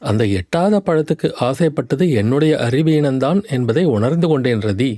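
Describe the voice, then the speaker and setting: A man's voice: medium pitch, expressive, moderate pace, mellow, no room sound, studio quality, natural voice. A man voicing a proud, wounded young dancer woman. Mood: cold, resentful. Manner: reproachful, speaks through a pet deer.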